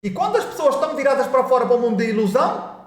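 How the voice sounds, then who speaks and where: Racing along with lively intonation, a man with an extremely high-pitched voice and a European Portuguese accent hosts an informal spiritual video talk in an echoey room. He rambles and repeats himself, restarting sentences and mocking the excuses people make.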